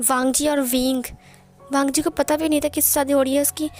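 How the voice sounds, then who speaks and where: A woman's voice: sits high, a little mellow. A woman narrating a fanfiction story, retelling events and voicing each character's lines in a plain manner. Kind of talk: story reading.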